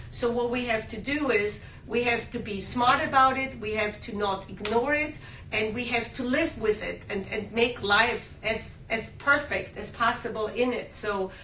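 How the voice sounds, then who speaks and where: A woman's voice: a little high, sharp tone. A woman hosting a live shopping-show interview, talking with lots of fillers and enthusiastic sales talk. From Austria. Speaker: skincare brand host. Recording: roomy, distant mic, faint hum.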